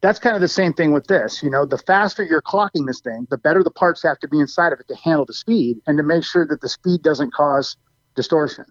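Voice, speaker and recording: A man's voice: fairly high pitch, a little fast, no room sound. Man on a compressed, cutting-out cell phone line. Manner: explains technical details eagerly with everyday comparisons. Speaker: guest product expert. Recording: dull, lo-fi phone call audio.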